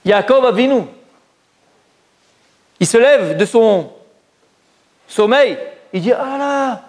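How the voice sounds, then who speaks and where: High-voiced rabbi teaching a lively class. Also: male voice, slow pace. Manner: lively, questioning the audience, mixing Hebrew terms into casual speech. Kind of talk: informal Torah lesson to a live group.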